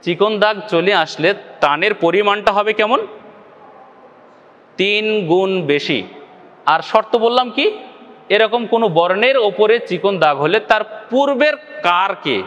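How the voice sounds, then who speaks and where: Bangladeshi Bengali teacher, male, high voice, patient and repetitive, long reverb. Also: animated, a little slow, long pauses, a bit bright, dull audio. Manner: patient, repeats each point, often asks the viewer if they follow. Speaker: Quran recitation teacher. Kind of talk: video lesson.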